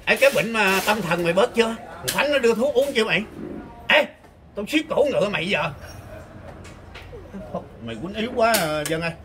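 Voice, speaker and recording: A man's voice: sits high, expressive, a little fast, pauses often, a bit bright, slight background noise. A man with a Southern Vietnamese accent, trash-talking and teasing his opponent over a street chess game, boastful and laughing. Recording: crowd chatter behind.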